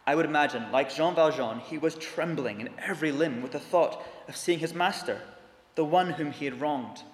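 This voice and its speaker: A man preaching a sermon in earnest, slowing down to stress key words. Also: on the high side, a little hiss or hum. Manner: earnest, slows down for emphasis. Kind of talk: sermon with dramatic reading. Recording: echoey hall with long reverb.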